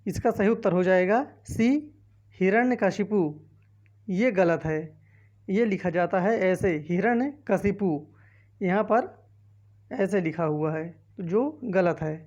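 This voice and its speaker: Slow and darkish, a woman's medium-pitched voice comes through with the highs cut off. As an exam-prep teacher with a north Indian Hindi accent, she reads out multiple-choice answers in turn and explains every one in a quiz lesson.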